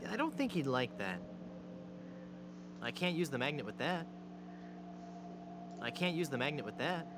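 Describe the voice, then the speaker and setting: An actor playing a hapless, earnest young adventurer and glib bluffer in a cartoon adventure game, theatrical and wry. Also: male voice, fairly high pitch, big pitch swings, moderate pace, long pauses, background noise. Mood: matter-of-fact.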